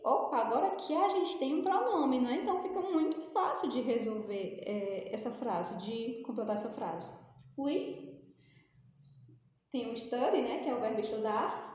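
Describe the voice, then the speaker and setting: A woman's voice: high-pitched, a little mellow. A woman from Brazil with a Brazilian Portuguese accent, teaching English grammar in a recorded class, patient and explaining step by step while often checking in with the students. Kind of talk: recorded remote class lesson. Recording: echoey room, long reverb.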